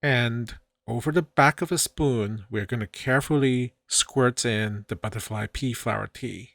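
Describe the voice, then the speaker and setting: A middle-aged man hosting his own channel, calmly explaining how he makes a drink in a voice-over, with a light self-mocking touch. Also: medium pitch, measured pace, vocal fry, dry recording. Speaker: channel host. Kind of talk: voice-over narration of a drink-making video.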